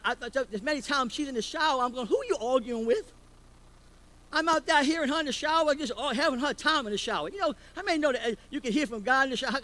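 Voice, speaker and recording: A man's voice: very high voice, bright, forceful tone, poor audio. A man preaching a sermon as pastor, firing rhetorical questions at the congregation.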